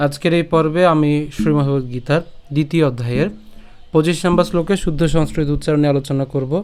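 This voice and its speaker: A man teaching recitation, breaking words into syllables slowly and patiently and checking in often with his listeners. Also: a little high, steady tone, darkish tone, clear, resonant tone, soft background music. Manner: slow, patient syllable-by-syllable drilling with frequent "ঠিক আছে?". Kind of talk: online recitation lesson.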